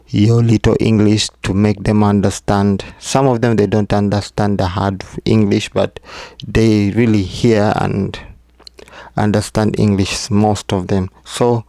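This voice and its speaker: Male vlogger, low voice, unhurried halting delivery, casual advice talk. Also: vocal fry, darkish tone, no echo, clean studio sound. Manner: slow, halting, with restarts.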